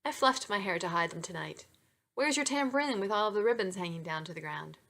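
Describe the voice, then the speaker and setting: An easygoing, quick-witted man with dry humor, as a woman author reads him. His storybook lines come out relaxed and slightly lower. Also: gravelly. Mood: wry. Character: easygoing, witty man, a radio commentator.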